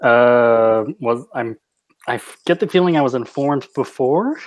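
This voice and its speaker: A man's voice: mid-range voice, animated, measured pace, dry recording. A man playing a tabletop role-playing game, chatting casually and describing what his character does.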